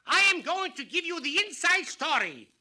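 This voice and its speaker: An actor playing a grandiose, sly swami fortune-teller in a scripted comic film, speaking in florid, drawn-out magic-orb incantations. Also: male voice, extremely high pitch, big pitch swings, sharp tone, exaggerated voice. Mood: dramatic, warning. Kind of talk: scripted comic monologue in a retail training film.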